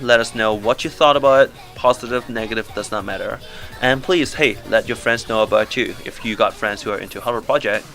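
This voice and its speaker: A man's voice: lowish voice, bright, forceful tone. A young man from Canada co-hosting a podcast, joking in upbeat, rambling casual chat from a small home studio. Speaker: podcast co-host.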